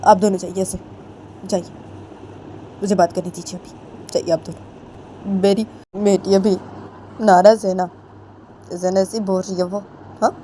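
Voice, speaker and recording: A woman voicing a distraught mother who pleads with her daughter in high, wailing tones. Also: level tone, a little slow, long pauses, mellow, slight background noise, natural voice. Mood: insistent.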